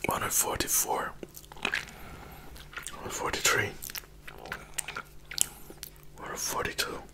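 A young man speaks entirely in a breathy ASMR whisper. His delivery is very slow and close, with wet mouth sounds as he sucks a lollipop between phrases. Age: young adult. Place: small living room, indoors.

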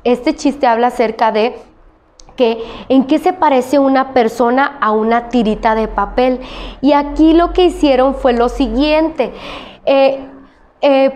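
Woman teacher, high-pitched, unhurried, patient and repetitive. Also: darkish tone. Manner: slow, patient, repeats key words. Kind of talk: classroom lesson to children.

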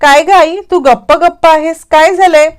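A woman reading the lines of Kala, a defiant, quick-witted young woman in a TV serial recap. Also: very high voice, steady tone, pitched above the performer's own voice. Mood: worried. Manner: pleading then sharply defiant.

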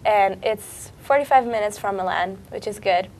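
A young woman from Italy with an Italian accent, a native Italian speaker, answering interview questions in a soft-spoken, slightly hesitant way on a lapel mic. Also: medium pitch, moderate pace, vocal fry. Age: young adult. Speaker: exchange student.

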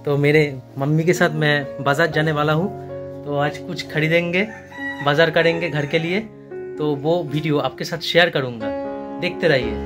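A young man in his twenties vlogs while walking outdoors through a busy market, holding his phone at arm's length and addressing viewers directly in a friendly, casual narration. His fairly high voice stays steady at normal speed, with music playing in the background.

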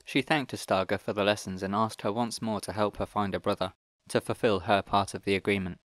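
A man reads a fantasy storybook aloud in a steady, even way. His voice sits on the low side and the sound is dry and close to the mic. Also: a little fast, dry recording. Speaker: audiobook narrator. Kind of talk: scripted narration.

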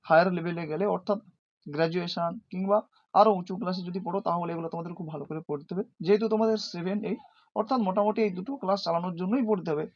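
A man with a fairly high voice teaches a recorded lesson. He asks his own questions and answers them, then recites word forms one at a time and stresses correct pronunciation. The sound is dull and lo-fi. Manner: explains slowly, asking and answering own questions.

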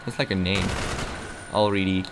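A young man with a low, steady voice offers casual, rambling, self-mocking commentary at normal speed while playing a game. Noisy game audio runs behind him.

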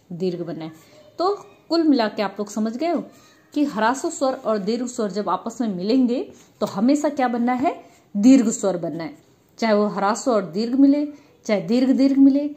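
A woman's voice: on the high side, warm tone. A woman teacher giving a grammar lesson, patiently asking questions and answering them herself. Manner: addresses students as children.

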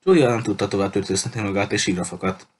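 A man narrating an audiobook chapter in a steady, even storytelling manner. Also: lowish voice, slight background noise.

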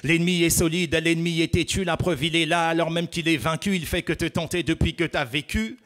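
Young man rapping with steady rhythm. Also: fairly high pitch, a little fast. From France. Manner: rhythmic, steady rap delivery. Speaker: talent show contestant, rapper. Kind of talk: audition chat and gospel rap. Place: studio stage.

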